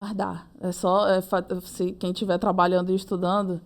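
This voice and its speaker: This is a young woman being interviewed. She tells her story in a casual, lively way. She keeps slipping into acted-out quotes of her own and other people's words. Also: lowish voice. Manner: animated, acts out her own and others' lines in quick reported speech. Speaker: interviewee, approved medical student.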